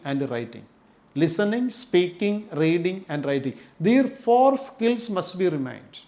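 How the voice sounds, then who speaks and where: A man's voice: on the high side, darkish tone. A man with an Indian English accent, giving an exam coaching lecture in an emphatic, repetitive way, listing points one by one. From Kerala, India. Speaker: teacher.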